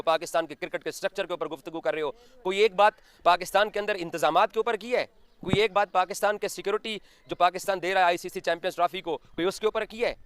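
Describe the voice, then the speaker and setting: Brief: high, crisp-voiced man, rapid indignant cricket rant. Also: fairly bright tone, no echo. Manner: indignant, rapid-fire questions. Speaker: cricket commentator. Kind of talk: opinion video monologue.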